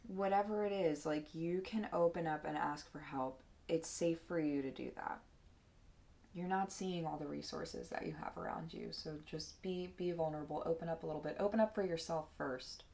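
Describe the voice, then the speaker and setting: Low, gravelly-voiced woman giving a tarot reading. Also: normal speed, warm tone. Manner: earnest and encouraging, casual slang and fillers. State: emotional. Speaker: tarot reader. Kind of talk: casual tarot reading with read-aloud passages.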